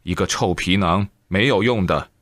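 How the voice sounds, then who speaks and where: A man reading Buddhist teachings aloud as a lively story, with expressive exclamations. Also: sits low, moderate pace, dry recording, studio quality.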